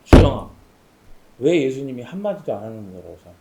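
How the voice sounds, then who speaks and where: A man's voice: mid-range voice, fast talker, reverberant. A man preaching a sermon at a camp, questioning his listeners and calling on them by name. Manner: animated preaching, asks the audience questions and calls on listeners. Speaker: pastor. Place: camp meeting room.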